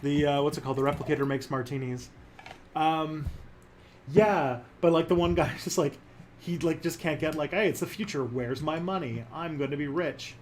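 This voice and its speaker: A man hosting a casual livestream chat, animated and jokey, rambling with many fillers. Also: a little high, moderate pace, a little hiss or hum. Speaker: host.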